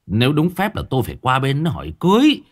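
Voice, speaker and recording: A man reading a story, voicing a shocked old village father who stammers and repeats his words in a low, halting voice. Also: huge pitch swings.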